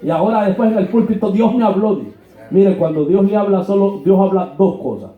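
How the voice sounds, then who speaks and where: A pastor from Honduras preaching a sermon in a church, colloquial and mocking, acting out quoted dialogue. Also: male voice, sits high, a little fast. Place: church hall. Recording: echoey church, dull lo-fi sound.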